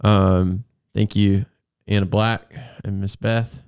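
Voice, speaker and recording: American guy podcast host w a stuffed up frog voice, kinda low, chatting and joking, real dry close sound. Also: level tone, takes it slowly, darkish tone, clean tone, no room sound. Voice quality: froggy, congested-sounding voice from a sinus infection. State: congested with a sinus infection. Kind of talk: casual, joking chat.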